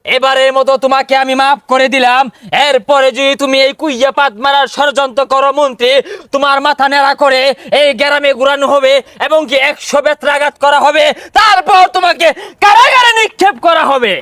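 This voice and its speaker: A man's voice: extremely high pitch, fairly even intonation, fairly quick, sharp tone, no echo, clean studio sound. A man playing a pompous, hot-tempered king in a comic skit, bellowing commands. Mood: blustering. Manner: blustering, bellowing royal commands.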